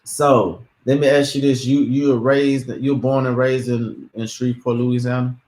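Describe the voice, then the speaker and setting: A man's voice: medium pitch, little pitch movement, moderate pace, a little mellow, reverberant. A man hosting a live-stream interview show, rambling, repeating his words and hyping up his audience.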